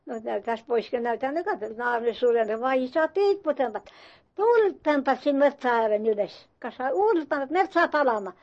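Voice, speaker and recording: An older woman reminiscing in dialect, halting and rambling with many restarts, and putting on voices for the people in her story. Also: high voice, expressive, darkish tone, highs cut off. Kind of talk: oral-history reminiscence in dialect.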